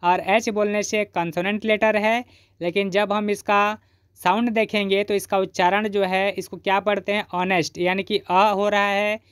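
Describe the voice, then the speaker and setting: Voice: medium pitch, little pitch movement, moderate pace, a bit bright, clear, resonant tone, dry recording, studio quality. A teacher from Chhattisgarh explaining grammar step by step, asking questions and then answering them.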